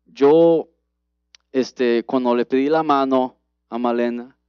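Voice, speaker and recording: A man preaching a personal testimony sermon in an earnest, halting way with many restarts. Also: mid-range voice, steady tone, clean tone, no room sound. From United States. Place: church. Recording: dull, dry livestream audio.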